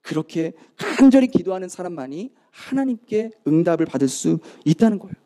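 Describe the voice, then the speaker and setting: A male pastor delivers an emphatic sermon, acting out pleading prayers in his own voice. His voice sits fairly high but sounds mellow and soft-edged. He presses the congregation with rhetorical questions. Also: very animated, brisk. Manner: emphatic preaching with dramatic acted quotes.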